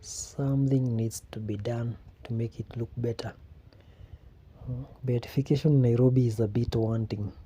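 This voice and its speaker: A man with a Kenyan accent narrating a casual walking vlog in an unhurried way, often repeating phrases for emphasis. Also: medium pitch, fairly even intonation, mellow, breathy edge. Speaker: vlogger. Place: outdoors on a quiet street. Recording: outdoor ambient noise.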